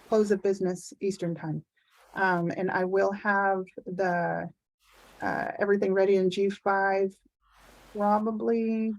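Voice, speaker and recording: A woman's voice: mid-range voice, lo-fi sound. A woman grant program officer speaking up in an online meeting, giving earnest, emphatic reminders about deadlines.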